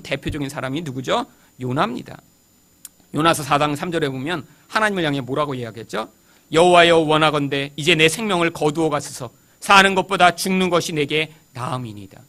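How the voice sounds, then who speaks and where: A high, bright-voiced man preaching a sermon as a pastor. He keeps asking the congregation questions and acts out the words of prayers, his pitch swinging widely.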